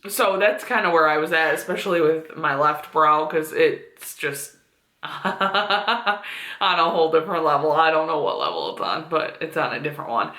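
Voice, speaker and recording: A woman's voice: sits low, moderate pace, bright, forceful tone. Chatty young woman in an echoey room. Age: 20s. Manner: chatty, with frequent fillers and laughs. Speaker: beauty vlogger. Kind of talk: casual chat to camera. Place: room at home.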